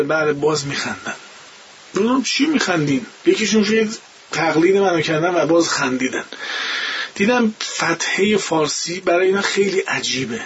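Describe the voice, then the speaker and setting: A man with a high, light voice talks through how vowels are pronounced, like a recitation teacher in an interview. He keeps stopping to act out the sounds he means. The recording is dull and lo-fi, with a faint hiss. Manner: demonstrates pronunciations by imitating sounds. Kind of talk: explanatory interview talk.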